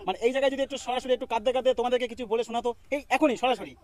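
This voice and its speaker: A man, a local social media creator chatting outdoors in a jokey, playful way with a loud sing-song streak. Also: very high voice, racing, heavy background noise. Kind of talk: casual chat with playful chanted rhyme. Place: outdoors by a riverbank.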